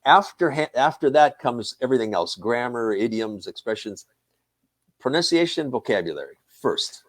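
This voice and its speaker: A middle-aged man from the northern United States with a Midwestern American accent, an English instructor calmly explaining in short, repeated points. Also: mid-range voice, moderate pace. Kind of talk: casual conversation.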